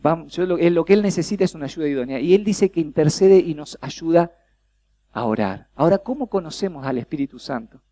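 His voice is a little high and his delivery brisk as this Rioplatense-accented man preaches a workshop at a church youth congress. He's lively, quizzing listeners and playing out brief dialogues.

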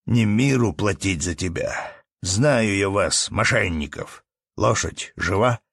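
A contemptuous, bullying estate steward from an audiobook tale scolds and threatens with open scorn. A man voices him as he reads. The voice sits low and the recording is dry and close. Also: slow, a bit bright, breathy edge, no echo, full character voice. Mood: scolding. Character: arrogant bullying male estate steward, middle-aged. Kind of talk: audiobook character reading.

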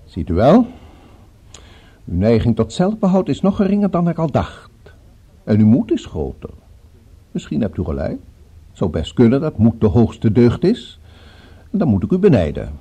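A cultured, dangerous gentleman villain in a radio drama holds a revolver and threatens with perfect politeness, speaking formally in a musing way. His mid-range voice is very soft-edged, dark, and slightly husky, with musical, lively intonation, a normal speed, frequent pauses, and an exaggerated delivery. The sound is lo-fi.

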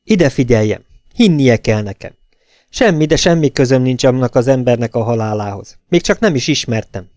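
A man voicing a nervous, smooth-talking young husband who protests his innocence. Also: mid-range voice, animated, darkish tone, no echo, studio quality, natural voice. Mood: protesting. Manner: flustered, protesting.

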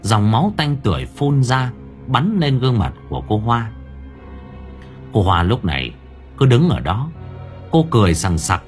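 A man narrating a horror audio story in a dramatic, expressive way. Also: mid-range voice, normal speed, pauses often. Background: faint background music.

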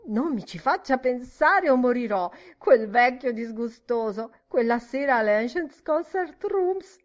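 A woman reading an audiobook voices a young barmaid, prim and squeamish, with shrill pleading exclamations. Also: sing-song, a little slow.

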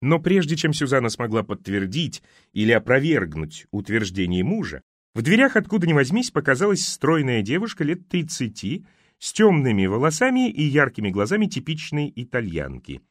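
A male audiobook narrator with a lively, rising and falling voice, reading in an expressive, acted way. The sound is dry and close to the mic, with no room around it. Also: medium pitch, normal speed, no room sound. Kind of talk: scripted narration.

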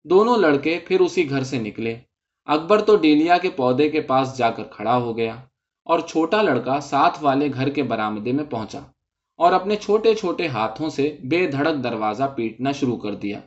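A man's voice: medium pitch, animated. Man reading a short story aloud. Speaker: narrator. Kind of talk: scripted story narration. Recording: dull lo-fi recording.

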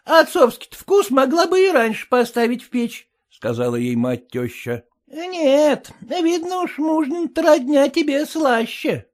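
A huffy, quarrelsome old mother-in-law, voiced by a male reader of a comic storybook. She sits high above his usual voice, pushing every complaint forward with lively, indignant swings. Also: a little slow, exaggerated voice.

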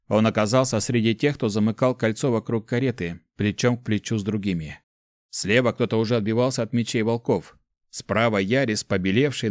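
A man reading a fantasy novel aloud in steady, measured scripted narration. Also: lowish voice, no room sound, studio quality. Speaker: audiobook narrator.

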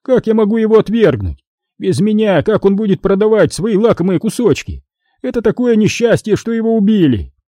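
A man's voice: high-pitched, sing-song, brisk, dark tone, no room sound, voice pushed up. A man reading an audiobook voices a nervous, fussy middle-aged father who babbles excuses. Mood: flustered. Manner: flustered, babbling.

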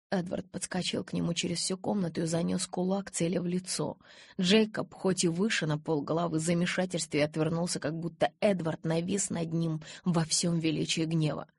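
A woman narrating a first-person novel in an expressive, dramatic way, recorded close on a studio mic. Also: on the low side, normal speed, vocal fry, breathy edge, no room sound. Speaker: audiobook narrator.

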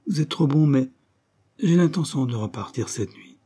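A man reading the part of a proud, hurt provincial noblewoman who speaks quietly and with restraint. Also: fairly high pitch, animated, moderate pace, husky, voice pushed up.

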